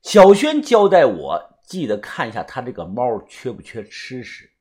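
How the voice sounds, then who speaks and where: A man narrating a first-person audiobook story in a lively, swinging storyteller manner. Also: mid-range voice, normal speed, breathy edge.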